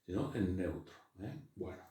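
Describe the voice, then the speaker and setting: A man teaching a Greek class, speaking slowly and haltingly with many fillers and checks for understanding. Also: low-pitched, animated, warm tone. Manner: slow, halting, full of fillers and checks like "¿eh?" and "¿ven?". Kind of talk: classroom lecture. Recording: very echoey classroom.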